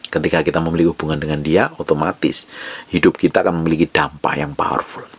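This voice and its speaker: A man preaching a sermon in a conversational way, now and then dropping to a soft, hushed voice to model a prayer. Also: rumbling low, steady tone, quick pace, slightly rough. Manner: conversational preaching, drops to a soft whisper when quoting prayers. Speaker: pastor.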